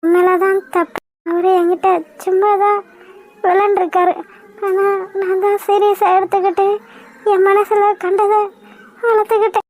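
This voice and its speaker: A woman voicing a young lovesick village woman in a cartoon, with a high, squeaky, weepy voice. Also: flat delivery, moderate pace, a little mellow. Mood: tearful. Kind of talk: cartoon voice acting.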